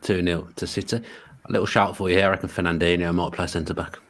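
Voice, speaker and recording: Deep-voiced guy, fast, jokey football chat. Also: little pitch movement, fairly bright tone. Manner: wry, joking, quick banter. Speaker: podcast host.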